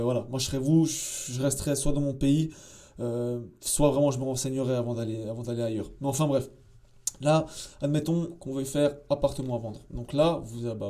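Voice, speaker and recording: Man tutorial host, mellow dark tone, relaxed slangy delivery at a desk mic. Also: mid-range voice. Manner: casual, chatty, slangy, with many fillers and asides. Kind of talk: casual screen-share tutorial.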